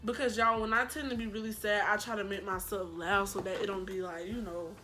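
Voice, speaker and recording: A woman's voice: mid-range voice, fairly quick, crowd noise. A young woman vlogger telling a personal story in a casual, slangy, dramatic way. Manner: animated, slangy, dramatic retelling.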